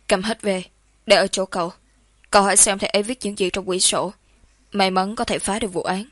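A woman's voice: mid-range voice, fairly even intonation, brisk, fairly bright tone, dry recording, clean studio sound, close to an everyday voice. A woman voicing a stern young noble investigator in an audiobook, giving cold orders in a raised voice. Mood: commanding. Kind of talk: audiobook character reading.

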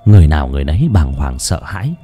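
A man narrating a first-person ghost story as an audiobook, telling it expressively with dramatic pauses. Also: very deep voice, big pitch swings, dark tone, slightly rough, faint music behind.

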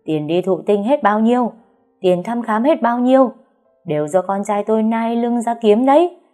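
A woman's voice: medium pitch, expressive, normal speed, warm tone, faint music behind, close to an everyday voice. A woman voicing a harsh older mother-in-law who scolds with contempt, reading a storybook tale. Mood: scornful.

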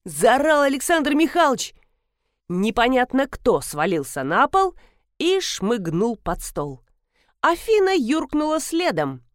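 A woman narrating an audiobook with a lively, expressive reading. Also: high-pitched, measured pace, no room sound, studio quality. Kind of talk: audiobook narration with character voices.

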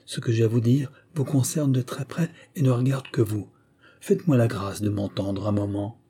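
A man reading aloud voices an agitated young man who speaks in a hesitant, hushed way. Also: mid-range voice, fairly even intonation, moderate pace, slight background noise, natural voice. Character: agitated young man bearing grim news.

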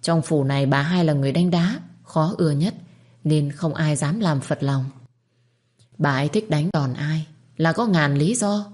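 A woman narrating a dramatic story in a steady, measured reading voice. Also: low voice. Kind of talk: scripted narration.

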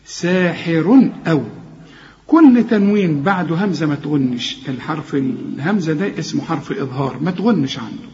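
A man with an Egyptian accent teaching Quran recitation, patiently correcting and slowly drawing out the words he recites as examples. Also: fairly high pitch, lively intonation, a little mellow, slight background noise. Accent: Egyptian Arabic. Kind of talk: tajweed lesson with recited examples. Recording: dull lo-fi audio in a long-echo hall.

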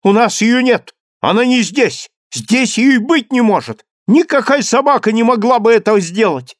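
A man voicing a defiant young village boy who shouts in desperation. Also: very high voice, very animated, takes it slowly, no room sound, clean studio sound, voice pushed up, exaggerated voice.

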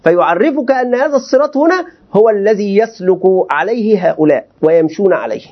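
A man's voice: high voice, big pitch swings, fairly quick, muffled recording. A man, a sheikh, lecturing students on Quranic commentary and asking them rhetorical questions. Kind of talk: classroom lecture.

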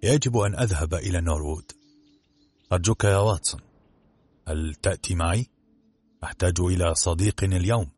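Man doing a calm clever detective, quietly amused, deep husky voice, storybook. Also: a little fast, pauses often. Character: calm, sharp-witted male detective.

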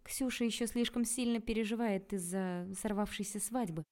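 A woman voicing a gentle middle-aged mother who speaks softly and coaxingly, in an audiobook. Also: medium pitch, moderate pace, voice pushed up, natural voice. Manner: soft, coaxing.

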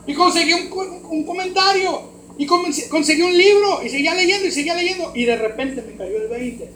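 A man with a Mexican accent preaching a sermon as pastor, swinging from hushed words to loud, emphatic ones. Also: very high voice, brisk. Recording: roomy hall echo, faint background noise.

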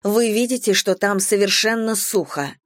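A woman's voice: medium pitch, moderate pace, no room sound, lightly acted. A woman voicing a restrained young woman, speaking dryly and curtly. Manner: dry, clipped.

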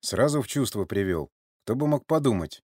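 A man's voice: medium pitch, animated, moderate pace, darkish tone, husky, no echo, studio quality. A man reading an audiobook as narrator, telling the story steadily.

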